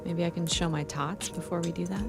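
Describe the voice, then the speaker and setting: A woman with a slightly low voice checks in with the hosts in a relaxed, joking manner. Lo-fi music plays clearly behind her. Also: brisk. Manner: easygoing and joking. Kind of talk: casual chat. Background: lo-fi beats music.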